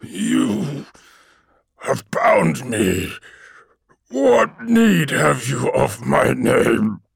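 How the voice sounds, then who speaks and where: A man voicing a defiant male demon who roars and shouts his threats. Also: on the high side, wildly swooping pitch, drawn-out words, creaky, husky, no echo, studio quality, voice pushed up, full character voice. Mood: sullen.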